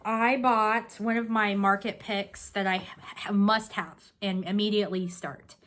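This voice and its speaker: A woman's voice: medium pitch, fairly even intonation, measured pace, a bit bright. A sniffly, stuffed-up woman co-hosting a casual chat, rambling and restarting her sentences as she shows her projects. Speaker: co-host showing cross-stitch projects.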